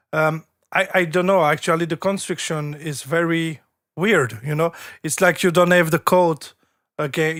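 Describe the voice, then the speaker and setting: A man hosting a live track review stream, speaking halting full of "you know" fillers. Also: fairly high pitch, fairly bright tone, no room sound, clean studio sound. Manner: halting, non-native grammar, many "you know" fillers.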